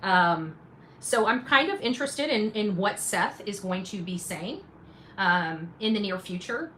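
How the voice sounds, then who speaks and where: A woman, an independent journalist and livestream host, gives casual commentary to her viewers in an animated, medium-pitched, fairly bright voice at a measured pace. She speaks emphatically, repeats phrases for weight and throws in sarcastic asides. The recording is rough, with clear background noise behind her.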